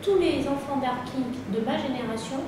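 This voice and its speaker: A middle-aged woman speaks in a fairly high voice, earnest and halting, with frequent pauses and restarts. She sounds far from the mic in a very echoey room. Steady background noise runs underneath. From France. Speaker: interviewee. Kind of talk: personal testimony in conversation.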